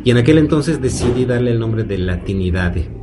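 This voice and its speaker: A man from Mexico City with a Mexican accent, a cultural promoter explaining things at length on the radio, pausing often with "eh". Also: medium pitch, expressive, noisy background. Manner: measured, explanatory, with frequent "eh" pauses. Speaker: guest, cultural promoter and musician. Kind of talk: radio interview.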